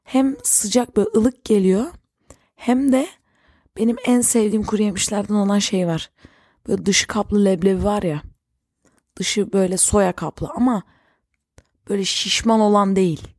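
A woman's voice: mid-range voice, a little mellow, no room sound, studio quality. Chatty young woman, rambling podcast talk. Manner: rambling, chatty, self-correcting storyteller. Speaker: podcast host. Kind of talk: casual solo podcast chat.

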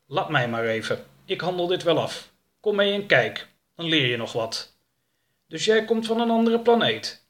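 A man voicing a gruff, bossy middle-aged male official in an audiobook, curt and commanding. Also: on the high side, sing-song, moderate pace, voice pushed up. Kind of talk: audiobook character voice.

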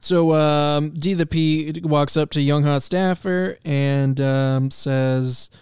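A man with a slightly high, smooth voice rambles through a TV episode recap, slipping into the characters' lines between fillers. The sound is dry and close. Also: steady tone, slow pace, a little mellow, dry recording. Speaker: podcast co-host recapping a TV episode. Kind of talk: casual chat.

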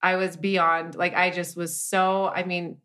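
A woman in her thirties talks openly as a guest in a relaxed interview. Her voice is bright and clear, and her speech wanders with restarts and fillers as she tells her story. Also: lowish voice, unhurried. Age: 30s. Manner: candid, rambling with frequent restarts and "like". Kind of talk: casual conversational interview.

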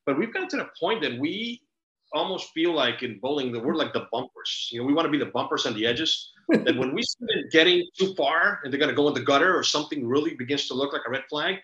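Bright-voiced man from El Salvador, roomy sound. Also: a little high, lively intonation, fast. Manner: earnest, expansive storytelling. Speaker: podcast host. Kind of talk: casual conversation. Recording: roomy, dull lo-fi recording.

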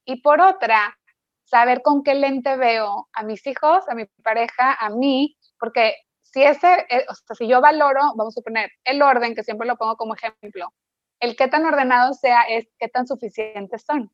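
A woman's voice: fairly high pitch, moderate pace, no room sound, dull audio. A woman with a Mexican Spanish accent, reflecting and telling a family story in casual conversation.

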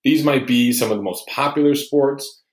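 A man's voice: medium pitch, normal speed. A man hosting a podcast, opening the episode in a chatty, informal way. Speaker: podcast host. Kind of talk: casual podcast intro. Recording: roomy echoey recording.

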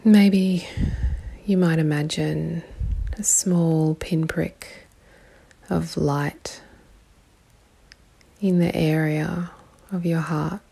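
A woman leads a guided meditation in a calm, meditative tone. Her low voice is mellow and gravelly, soft and breathy at the edges. She leaves long, unhurried pauses between short phrases.

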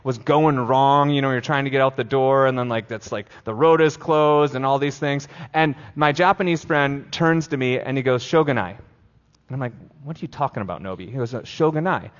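A man's voice: medium pitch, brisk. Male pastor, casual filler-heavy sermon delivery, lo-fi recording with long church reverb. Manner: casual, filler-heavy preaching with frequent "like" and restarts. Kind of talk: conversational sermon. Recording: dull lo-fi sound with long hall reverb.

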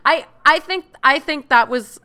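A woman's voice: high-pitched, a little slow. A woman co-hosting a podcast, recapping a reality show in casual chat, full of "like" fillers. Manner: chatty, many "like" fillers, animated. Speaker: podcast co-host.

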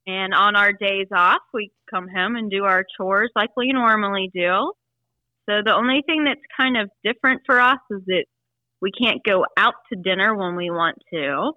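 A woman in her fifties, chatty and quick to laugh, answering questions in a casual family interview at home. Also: mid-range voice, no echo, highs cut off. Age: 50s. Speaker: interviewee, aunt.

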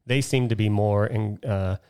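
A man co-hosts a casual chat in a somewhat low voice. He talks in a loose, chatty way and drops jokes as he goes. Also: steady tone, moderate pace, a little mellow, smooth. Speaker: podcast co-host.

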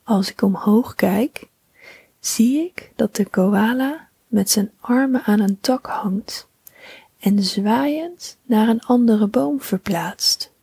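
A woman reading a bedtime story for children in a soft, whispering, soothing voice. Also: a little high, vocal fry, slightly rough, no echo. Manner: slow, soothing, calm.

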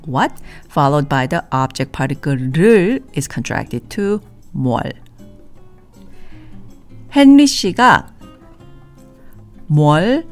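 In a scripted podcast lesson, a woman with a low voice teaches a language, pronouncing model phrases slowly and clearly so listeners can repeat them.

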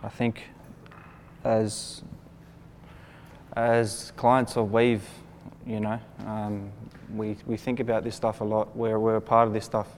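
Twenty-five-year-old Australian man, low monotone, hesitant, panel guest, slight noise behind. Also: takes it slowly. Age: 20s. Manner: hesitant, many fillers. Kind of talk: casual discussion.

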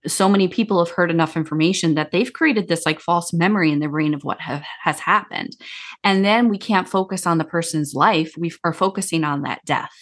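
A woman's voice: on the low side, fairly quick, a bit bright. A woman grief counselor talking casually in an interview, explaining in long run-on sentences.

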